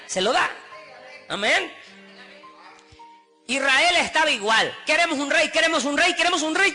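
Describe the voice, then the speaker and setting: A man's voice: extremely high pitch, pushed and bright. A man with a Honduran Spanish accent preaching a sermon with passion, acting out pleading voices through repetition. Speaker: pastor.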